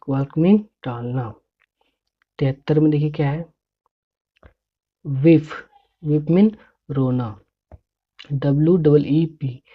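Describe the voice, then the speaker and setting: A woman teaching English words, spelling each one out letter by letter and repeating its meaning in a slow drill. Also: rumbling low. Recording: dull lo-fi recording.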